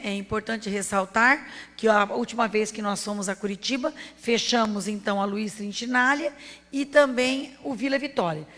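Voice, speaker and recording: A woman mayor with a Brazilian accent from Paraná, answering a question in brisk, factual terms. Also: fairly high pitch, fairly bright tone. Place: city council chamber. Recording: reverberant council chamber PA.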